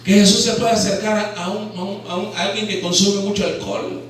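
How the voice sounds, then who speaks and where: Nicaraguan pastor preaching in an echoing hall. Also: male voice, high-pitched, steady tone, fairly quick. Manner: preaching with rhetorical questions to the congregation. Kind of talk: sermon. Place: church hall. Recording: very echoey hall, voice from far off.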